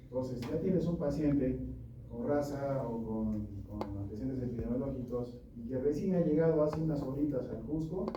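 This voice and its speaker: A man with a medium-pitched voice gives an informal medical lecture at a moderate pace, keeping it conversational and constantly checking in with listeners by asking "¿no?" and "¿ya?". The sound is lo-fi and noisy, picked up from far off in an echoey room.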